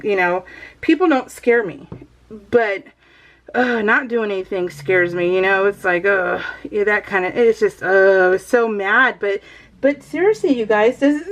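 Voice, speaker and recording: Over poor audio, a fairly high-pitched middle-aged American woman vlogs casually. Her personal stories ramble, full of emphasis and exasperated asides.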